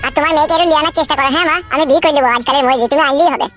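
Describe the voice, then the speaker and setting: Over soft background music, a woman with a high, fairly bright voice speaks very fast in a steady tone. She voices a smooth-talking, wheedling, pushy young suitor in a comic cartoon, coaxing an older woman and repeating "mother."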